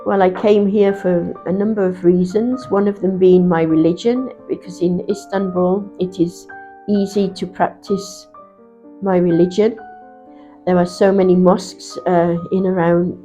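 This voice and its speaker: Woman with a mellow voice. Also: fairly low pitch, fairly even intonation, soft background music. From England. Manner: unhurried, pausing with fillers. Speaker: interviewee. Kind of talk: casual personal account.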